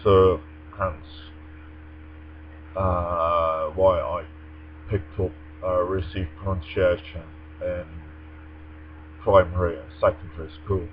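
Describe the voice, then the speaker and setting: A young man records a personal vlog, reading aloud and casually responding to a tag challenge in formal, articulate English. His low voice is flat and slow, with long pauses. The sound is dull and lo-fi, with mains hum.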